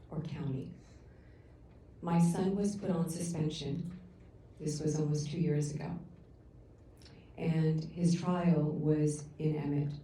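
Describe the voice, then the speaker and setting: Heard distantly through the council chamber's sound system, a middle-aged woman speaks loudly in a low voice, offering sincere but faltering public comment. The far-off pickup leaves her echoey, with a bit of background noise.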